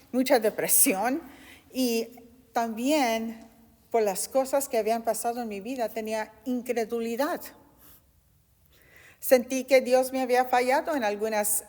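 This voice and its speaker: A woman's voice: high voice, a little mellow. A woman in her fifties preaching a sermon and giving an earnest, impassioned personal testimony. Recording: long hall reverb.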